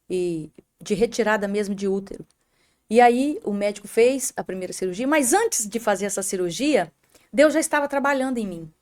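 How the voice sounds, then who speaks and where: Uma mulher com sotaque brasileiro, convidada de um podcast, contando um testemunho de fé com emoção e chamando o apresentador pelo nome. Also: female voice, on the high side, a little mellow. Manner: emotional storytelling, often addressing the host by name. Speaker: podcast guest. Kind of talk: faith testimony in an interview.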